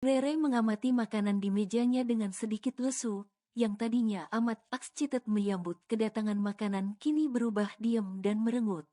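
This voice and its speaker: Woman narrator for a romance audio novel, mellow and a bit high, even delivery with chatty asides. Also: moderate pace. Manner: even storytelling with casual colloquial asides.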